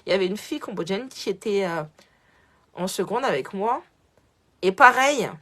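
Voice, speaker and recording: A woman's voice: medium pitch, lively intonation, normal speed, fairly bright tone. A woman speaks casually into her phone during a live stream, talking straight to her viewers. She moves back and forth between French and Malagasy and greets people in the chat by name. Her speech is loose and unscripted, full of restarts and repeated words. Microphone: phone on a social live stream.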